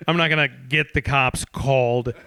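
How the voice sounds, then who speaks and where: A man's voice: medium pitch, steady tone, normal speed, creaky, sharp tone, slight background noise. A man co-hosting a comedy podcast, teasing his friends in casual banter and laughing often at his own jokes.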